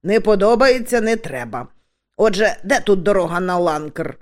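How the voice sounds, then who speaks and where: A woman voicing a gruff, suspicious dwarf man who grumbles tersely. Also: mid-range voice, animated, moderate pace, a little mellow, close to an everyday voice. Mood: grumbling.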